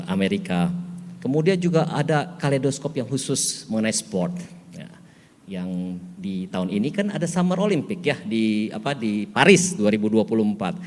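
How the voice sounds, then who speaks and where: An older male pastor tells a story in a relaxed, chatty way and laughs now and then. His voice sits low. It carries a long reverb from a large hall. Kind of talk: sermon with anecdote.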